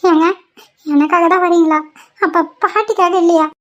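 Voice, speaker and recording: A woman doing a shrill tearful young wife. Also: fairly even intonation, moderate pace, fairly bright tone. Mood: tearful pleading. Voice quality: very high, tearful pleading. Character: young pregnant wife, emotional and remorseful. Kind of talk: cartoon voice acting. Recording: dull lo-fi sound.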